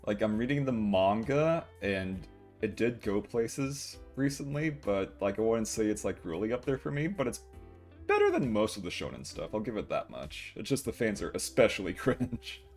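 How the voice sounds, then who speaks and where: A man's voice: on the low side, big pitch swings, moderate pace, a little mellow. A young adult man livestreaming, chatting casually and rambling to viewers with occasional acted-out quotes. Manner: rambling, chuckling, acts out short quotes. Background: guitar music.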